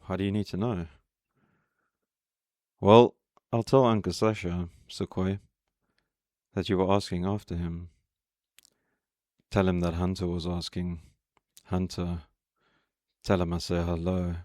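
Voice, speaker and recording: A man voicing a terse, mysterious male hunter who talks in a low, muttering way. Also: flat delivery, a little slow, long pauses, darkish tone, dry recording, clean studio sound. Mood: gruff, curt.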